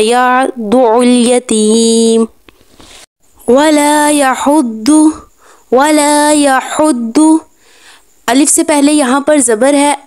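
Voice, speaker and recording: A woman teaching a step-by-step tajweed lesson, patiently explaining each sound and repeating words slowly. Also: fairly high pitch, a little mellow, no room sound. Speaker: Quran recitation teacher.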